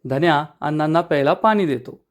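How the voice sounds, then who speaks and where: A man with a Marathi accent narrates a recap of a TV serial episode in a storytelling way. His voice sits high for a man. He reads out the characters' lines as he goes. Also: fairly quick. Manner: storytelling, reading out dialogue of the characters.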